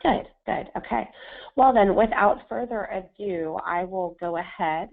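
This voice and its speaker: A woman with a hoarse, raspy, smoker-like voice, presenting as a webinar host in a scripted style. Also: mid-range voice, measured pace. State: hoarse, sandpaper-rough voice. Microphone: phone or webinar audio connection. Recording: thin phone-like webinar line.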